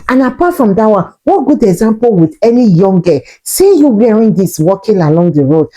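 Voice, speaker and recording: A woman's voice: mid-range voice, warm tone, low-quality recording. A woman giving earnest, lecturing commentary to camera, repeating points for emphasis. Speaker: parenting commentator.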